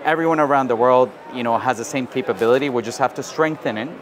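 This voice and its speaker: A man from South America giving measured interview answers, often adding "you know" and "right?". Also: medium pitch, a crowd in the background. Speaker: interviewee, financial inclusion advisor. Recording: outdoor recording with street noise.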